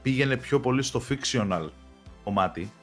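A man's voice: mid-range voice, lively intonation, a bit bright, faint music behind. A young man, co-hosting a podcast and chatting casually about TV series, with a rambling way of talking full of restarts. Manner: rambling, many restarts and fillers. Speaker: podcast co-host.

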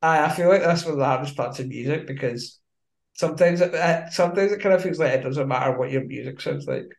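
A man's voice: a little high, quick pace, vocal fry. A man with a broad Scottish accent hosting a podcast in an informal, matey, slangy way. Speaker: podcast host. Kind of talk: casual interview chat. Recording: echoey room sound.

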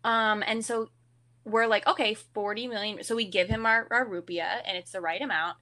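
Young woman guest, mid pitch, animated storyteller, says like constantly. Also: moderate pace. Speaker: podcast guest. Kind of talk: casual chat.

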